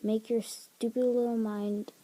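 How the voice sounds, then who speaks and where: A woman's voice: fairly high pitch, flat delivery, a little slow, mellow, rough recording. A woman voicing a resentful young female pony barista, speaking in a clipped, bitter way.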